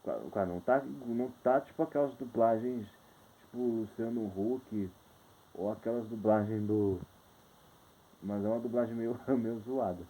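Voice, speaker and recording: A man's voice: lowish voice, normal speed, mellow, low-quality recording. A man with a Brazilian Portuguese accent giving a rambling, hesitant spoken film review, full of restarts.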